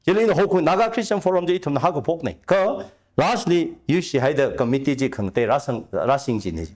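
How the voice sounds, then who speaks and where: A man speaking at length as a talk show guest, giving long animated explanations with rising emphasis. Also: fairly high pitch, fast talker. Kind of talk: conversational discussion.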